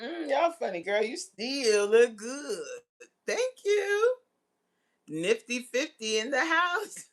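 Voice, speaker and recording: Her high-pitched voice swings widely in pitch, and she takes things slowly. In her forties, she hosts a livestream, reading comments and chatting casually with viewers in a slangy, teasing, giggly manner.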